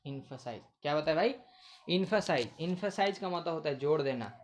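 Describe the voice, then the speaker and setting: A man's voice: on the high side, lively intonation, fairly quick. A man teaching English vocabulary in Hindi, asking questions and answering them himself, repeating words often. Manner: repetitive, asks questions then answers them. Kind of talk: casual Hindi vocabulary lesson.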